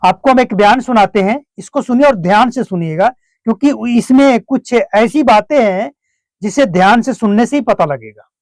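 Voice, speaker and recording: A man's voice: sits high, animated, normal speed, darkish tone, dry recording. A man commenting on a political clip, lecturing with rhetorical questions. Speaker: news commentator.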